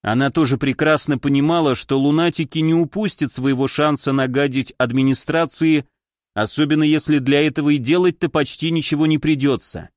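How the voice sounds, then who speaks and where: A man's voice: a little high, steady tone, a little fast, no echo. Male audiobook narrator, dry close sound. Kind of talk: scripted first-person narration.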